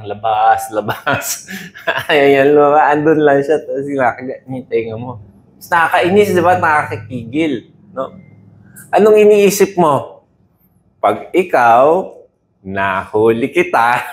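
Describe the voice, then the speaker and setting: A man with a Filipino accent preaching a sermon in a lively, conversational way, mixing in English and checking in with "no?" and "di ba?" as he goes. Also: medium pitch. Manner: animated, conversational Taglish with frequent "no?" and laughs.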